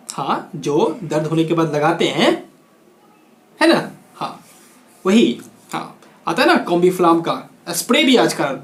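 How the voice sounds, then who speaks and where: Male teacher from India, lively question-and-answer delivery, roomy echo. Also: sits high. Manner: lively, asks and answers his own questions. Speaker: English teacher. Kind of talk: spoken-English lesson in Hindi. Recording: echoey room.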